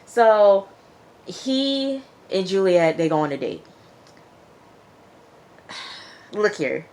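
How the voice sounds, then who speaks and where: Extremely slow yet very animated, a woman with a medium-pitched, slightly mellow voice recaps reality TV. She's conversational and opinionated, acting out the quotes as she reviews the show.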